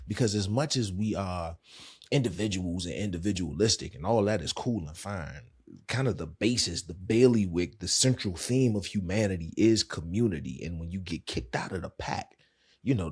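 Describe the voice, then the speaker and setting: A podcast host who is also a therapist delivers a casual, candid monologue with a Washington DC accent. His voice is deep with a breathy edge, and his speech is conversational and colloquial.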